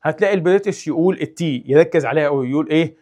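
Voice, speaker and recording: A young man with an Egyptian Arabic accent teaching English in a casual, animated way, exaggerating sounds to demonstrate them. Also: on the high side, rapid-fire. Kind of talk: casual explanatory lesson.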